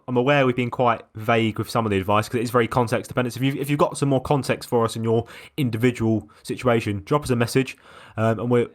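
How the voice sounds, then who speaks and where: A British man hosting a podcast, chatting casually in a blokey, sweary way. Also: medium pitch. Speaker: podcast host. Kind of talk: casual chat.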